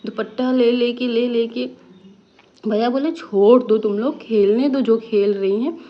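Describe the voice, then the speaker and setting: A woman's voice: a little high, measured pace, dull audio. A young adult woman narrating her family vlog in a casual voice-over, telling stories and acting out what relatives said. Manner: lively storytelling, acting out family members' lines. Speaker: vlogger narrating family footage.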